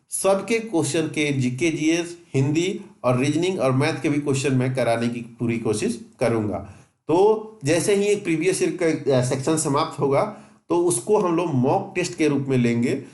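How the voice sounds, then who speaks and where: A man with a fairly high, darkish voice teaches an informal exam-prep lesson, explaining to students and repeating and stressing points reassuringly. The room is echoey and reverberant.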